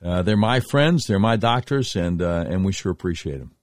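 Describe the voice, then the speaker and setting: A man with an American accent and a husky voice, hosting talk radio in a folksy, deliberate, emphatic way with dramatic pauses. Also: deep voice, animated, no echo, studio quality. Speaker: radio talk show host. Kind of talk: talk radio monologue with live-read sponsor spots.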